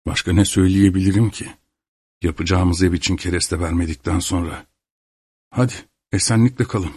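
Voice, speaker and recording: A man's voice: low voice, steady tone, fairly quick, a little mellow, breathy edge, no room sound, pitched below the performer's own voice. A man reading aloud who plays an older peasant father, resentful and grumbling. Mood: pleading.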